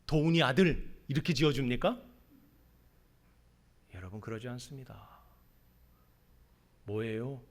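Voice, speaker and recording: A man's voice: medium pitch, expressive, a little slow, long pauses. A male pastor preaching a sermon, telling the story dramatically and asking the congregation rhetorical questions.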